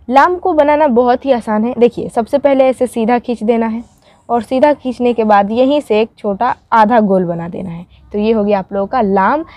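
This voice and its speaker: Woman, teacher, patient step-by-step handwriting lesson, slightly high voice, dry close sound. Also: a little mellow, no echo. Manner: patient, repeats "ठीक है" and "आप लोगों का". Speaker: Urdu teacher.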